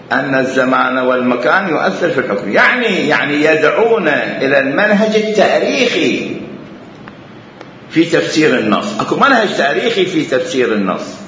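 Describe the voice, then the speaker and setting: A man's voice: on the high side, a bit bright, a little hiss or hum. Emphatic Iraqi man lecturing in an echoey hall. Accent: Iraqi Arabic. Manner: emphatic, repeats phrases for stress. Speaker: religious lecturer. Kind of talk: lecture on Islamic jurisprudence. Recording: echoey hall, dull lo-fi sound.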